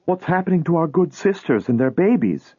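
A man's voice: on the high side, big pitch swings, brisk, husky, dry recording, voice pushed up. A frightened, tearful young daughter, as a man puts her on. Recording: tinny phone-like dry recording.

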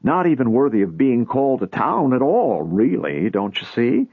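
A man doing a desperate, wheedling older man who begs and bargains, husky and raised high. The sound is thin and phone-like, dry with no room around it. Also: very animated, normal speed, dry recording. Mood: pleading. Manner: pleading, persuasive. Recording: tinny phone-like dry recording.

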